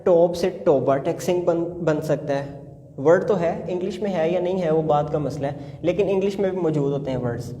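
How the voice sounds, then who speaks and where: A man teaching English spelling sounds in a phonics lesson, slowly drawing out each word. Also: on the high side, mellow, big-room sound. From Punjab, Pakistan. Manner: slow drawn-out sounding of words.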